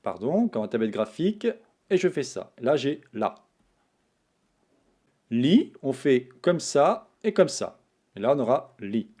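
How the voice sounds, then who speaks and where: A man's voice: medium pitch, measured pace, long pauses. A man hosting a Japanese lesson, chatting casually while he draws characters on a tablet. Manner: relaxed, chatty, talks while drawing strokes. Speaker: Japanese teacher, channel host. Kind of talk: casual screen-tablet writing tutorial.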